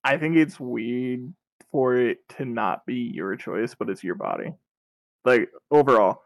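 Young podcast dude, shrugs stuff off, wry, mid-pitched voice. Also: male voice, unhurried, dry recording, low-quality recording. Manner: offhand, dismissive, wry. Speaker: podcast co-host. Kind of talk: casual chat.

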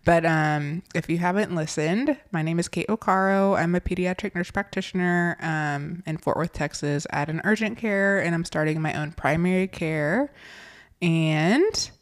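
An American woman hosts a relaxed, informal chat in a fairly low voice. Her s sounds come out with a slight whistle as she talks conversationally. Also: normal speed. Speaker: podcast host, pediatric nurse practitioner. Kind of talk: casual chat.

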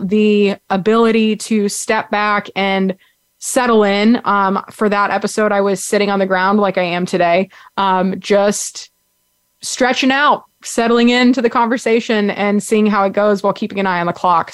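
A young adult woman hosts a podcast, sitting on the ground and giving a casual, upbeat recap as she rambles with plenty of "like" and "um" fillers. Her medium-pitched voice is smooth and steady, at a moderate pace, with no echo.

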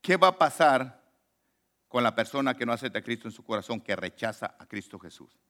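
A male pastor preaching a sermon, swinging between loud emphatic lines and low murmured asides, and acting out the voices in the story. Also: animated, fairly quick. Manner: acts out quoted voices in the story.

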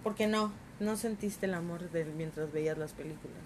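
A woman's voice: on the low side, moderate pace, a little hiss or hum. A woman with a Mexican Spanish accent, co-hosting a casual chat with teasing remarks. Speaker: podcast co-host.

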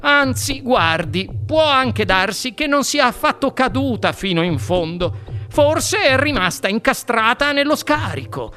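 A woman voicing an eccentric chocolate maker who speaks calmly and matter-of-factly. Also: on the high side, a little slow, soft background music, voice pushed up. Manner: unruffled, matter-of-fact. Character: calm, whimsical eccentric chocolate maker, man.

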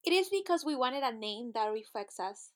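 Woman, late twenties, podcast co-host, scripted intro, earnest read-aloud, slightly high voice. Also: big pitch swings, normal speed. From Peru, raised in Miami. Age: late 20s.

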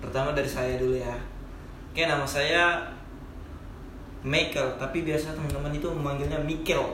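Higher-pitched young man hosting, echoey room. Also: fairly even intonation, normal speed, pushed and bright. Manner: informal, question-led hosting. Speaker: podcast host. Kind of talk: casual podcast chat. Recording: echoey room with faint background noise.

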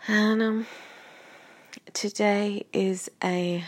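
A woman in a meandering, casual personal chat, low-key and sighing, often trailing toward a whisper, lying down with the mic on her chest. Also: steady tone, very slow. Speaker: host of a personal audio diary. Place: bedroom, lying on a bed. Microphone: phone resting on the chest.

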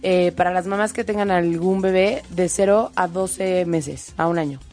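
A woman's voice: on the low side, fairly even intonation, moderate pace, a little mellow, faint music behind. A woman hosting a casual chat, asking playful questions. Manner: chatty, playful, asks questions. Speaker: host.

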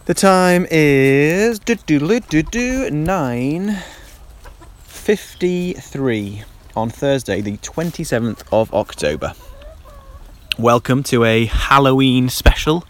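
A man hosting a casual solo podcast, rambling with many ums and restarts, recorded on a handheld dictaphone in a damp garden in light rain. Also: mid-range voice. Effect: handheld dictaphone recording outdoors. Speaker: podcast host. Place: damp garden outdoors in light rain, then a covered shelter.

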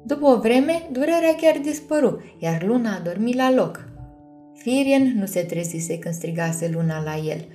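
A woman reads a storybook aloud in a calm, measured tone. Her voice is mellow and warm, and soft background music plays underneath. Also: fairly high pitch. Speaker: audiobook narrator. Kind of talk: storybook narration.

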